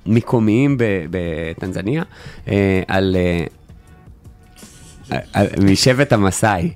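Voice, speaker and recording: A man's voice: sits low, expressive, a little mellow, soft background music. A man co-hosting a radio show, trading playful, teasing banter in casual chat. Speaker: radio co-host.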